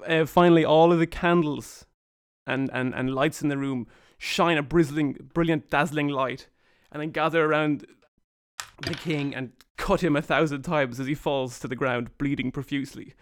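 A man's voice: on the high side, fairly even intonation, normal speed, smooth. A man narrating a tabletop game as game master.

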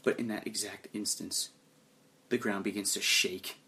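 A man narrating a tabletop role-play game as game master, telling the story dramatically and dropping low and hushed for suspense. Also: steady tone, normal speed, creaky.

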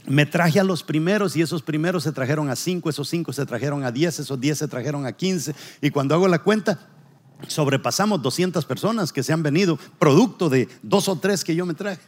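A man's voice: fairly high pitch, a little fast. A male pastor preaching a sermon, telling a story and acting out each character's lines. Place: church. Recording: long reverb of a church hall.

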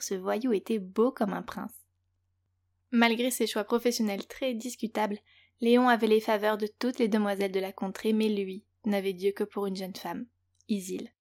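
A woman narrates a children's bedtime-style tale from a script, playful and chatty with the listener she addresses. Her voice sits at a middle pitch for a woman. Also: darkish tone. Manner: playful, speaks directly to the young listener. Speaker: storyteller and host of a children's audio story show.

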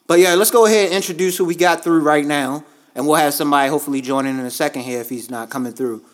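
A man, hosting a casual podcast. He talks in a loose, slangy, laid-back way, with a voice sitting a little high for a man. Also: fast. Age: 30s. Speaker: podcast host.

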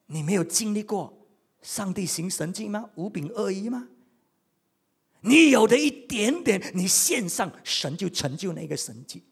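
Male pastor, high raspy voice, animated sermon with loud bursts and hushed asides. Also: a little slow. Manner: animated, swings between loud outbursts and quiet asides; repeats words for emphasis.

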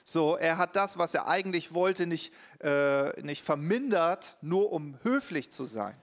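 A man interpreting a sermon live, quick and earnest, with the odd hesitation. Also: fairly high pitch, expressive.

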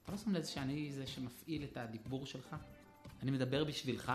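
A young man, a puppeteer and theatre director, talking softly and hesitantly with many fillers. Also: mid-range voice, faint music behind. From Israel. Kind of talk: interview and puppet show patter.

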